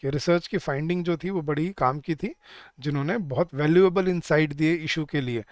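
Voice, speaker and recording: A man teaching an exam-prep lesson, explaining in a mix of Hindi and English and reading English sentences slowly. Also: fairly high pitch, no echo. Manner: explains in Hindi mixed with English, often addressing viewers as guys.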